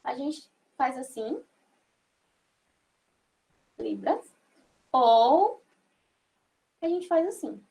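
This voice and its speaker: Slow, high-voiced woman teaching patiently. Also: lively intonation, warm tone. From Brazil. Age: young adult. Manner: slow, patient, frequent check-ins with the class. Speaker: sign language instructor. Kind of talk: online class.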